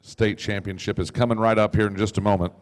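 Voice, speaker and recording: A man introduces the next finalist in a relaxed, joking way. His voice sits low. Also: quick pace. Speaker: event announcer. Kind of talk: announcing.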